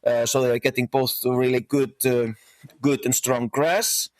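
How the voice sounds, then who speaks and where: A middle-aged Icelandic man speaking as a guest in a casual interview, pausing and restarting often as he explains. His voice sits at an ordinary pitch. The sound is dry and close, with almost no room. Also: level tone, no echo. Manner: halting, many restarts and fillers. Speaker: guest, horse breeder and national team coach.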